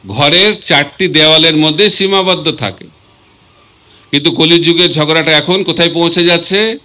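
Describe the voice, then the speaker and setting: A man giving a devotional sermon, asking rhetorical questions and reciting verses slowly. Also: fairly high pitch, bright, forceful tone. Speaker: swami preacher.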